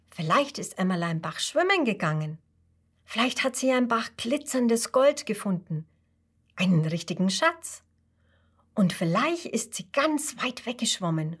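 A woman narrating a children's story in a slow, gentle way. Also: mid-range voice, slightly rough. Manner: slow and gentle, with lively voices.

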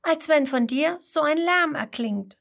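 A tiny, curious flea from a storybook, put on by a woman reading aloud. He squeaks high and eager, taking his time between words. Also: expressive, measured pace, vocal fry, fairly bright tone, heavily acted. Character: small, curious, helpful male flea.

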